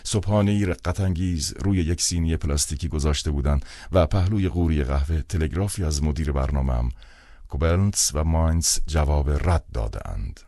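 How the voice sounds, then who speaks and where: Very deep-voiced male audiobook narrator. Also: warm tone, no room sound, studio quality. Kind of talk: scripted literary narration.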